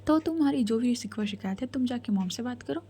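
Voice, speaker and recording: A woman's voice: on the high side, lively intonation, fairly quick, warm tone, breathy edge. A woman storyteller narrating a romance in a chatty whisper, often calling her listeners bhai.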